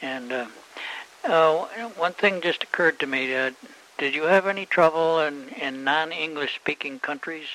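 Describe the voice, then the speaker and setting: A man's voice: a little high, unhurried, pushed and bright, poor audio. A man interviewing a guest, with short acknowledgements and hesitant questions. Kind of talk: casual interview.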